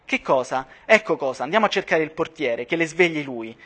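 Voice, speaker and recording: A man's voice: on the high side, lively intonation, fairly quick. A man doing an urgent, insistent young man. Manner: insistent, shouting, explaining step by step. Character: sharp, urgent young man reasoning things out.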